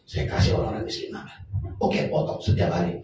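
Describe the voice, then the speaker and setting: A pastor preaching a sermon, swinging between loud shouts and hushed tones, recorded in a church hall. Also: male voice, fairly quick. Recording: echoey church hall from far off, faint noise.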